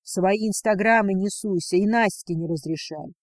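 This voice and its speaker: A woman's voice: mid-range voice, moderate pace, no room sound, lightly acted. A woman voicing a blunt, commanding older father who talks brusquely. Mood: gruff.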